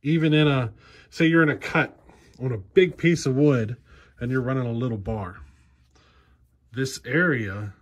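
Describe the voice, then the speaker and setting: Unhurried and pausing often, a man in his forties speaks in a mid-range voice. He hosts a chainsaw channel and explains things in a casual, plain-spoken, practical style, sprinkled with ums and you-knows, recorded on a close handheld camera inside a cluttered workshop garage.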